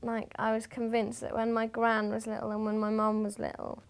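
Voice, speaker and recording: A woman's voice: on the high side, completely flat delivery, normal speed, clear, resonant tone. A woman from southwest England, telling an amused story about her childhood beliefs in an interview.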